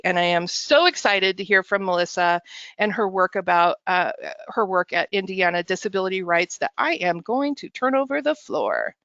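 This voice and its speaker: A woman gives a prepared talk with earnest emphasis. Her voice is crisp and smooth, at a middling pitch. The recording is very dry, with a slightly dull tone. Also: a bit bright, no echo. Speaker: presenter introducing other speakers. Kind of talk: prepared advocacy presentation. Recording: muffled, dry audio.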